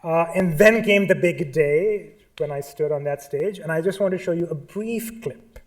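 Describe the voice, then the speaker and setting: On the high side and at normal speed, a Pakistani-accented man delivers a live museum talk about his art. His nervousness comes out in many fillers, restarts and digressions.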